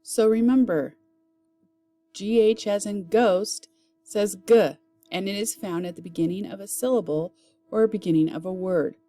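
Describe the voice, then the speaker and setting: A woman teaching phonics, leading a slow drill of word lists and enunciating each word carefully. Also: medium pitch, warm tone, soft background music.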